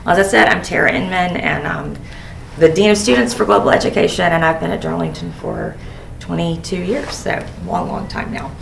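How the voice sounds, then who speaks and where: A woman's voice: lowish voice, animated, fairly quick, gravelly, echoey room, far from the mic, slight background noise. A woman hosting a school podcast interview, chatty and encouraging, with many ums. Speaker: host, dean of students.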